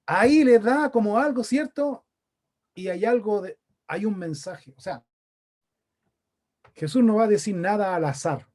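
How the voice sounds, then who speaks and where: A man's voice: high voice, unhurried, pauses often, a little mellow. A man from Chile with a Chilean accent preaching a sermon, talking in a conversational way and asking his listeners questions. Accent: Chilean Spanish. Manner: conversational, asks the congregation questions. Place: church meeting room.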